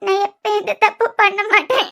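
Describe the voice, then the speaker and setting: A very high, girlish voice of an anxious young wife in a cartoon serial, her words pleading and tearful, as a woman acts her out. She speaks with a Kanyakumari Tamil accent. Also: little pitch movement, moderate pace, gravelly, fairly bright tone, exaggerated voice. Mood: fearful, pleading. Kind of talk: cartoon web series voice acting.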